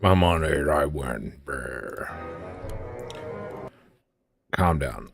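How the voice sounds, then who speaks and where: A man's voice: a bass voice, expressive, drawn-out words, creaky, loud music behind the voice. A man hosting a show, chatting casually in a rambling, hesitant way with many fillers while drinking beer. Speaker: host. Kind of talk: casual chat.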